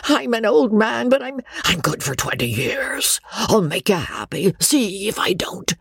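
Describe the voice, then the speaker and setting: A reader acts out a rough-spoken old baronet with a gravelly, husky voice. He pleads bluntly in coarse country grammar, his pitch swinging high. The recording is dry and close. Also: very animated, a little slow, a bit bright, no echo, full character voice. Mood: pleading. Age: older. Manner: rustic ungrammatical speech, pleading.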